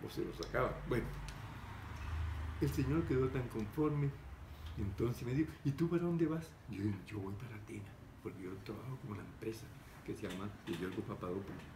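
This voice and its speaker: Low-ish and a little fast, an older man's voice narrates a story in easygoing conversation. He's expressive, gesturing heavily and imitating the people he describes. He sits at an indoor table near framed pictures, in an echoey room with noise in the background.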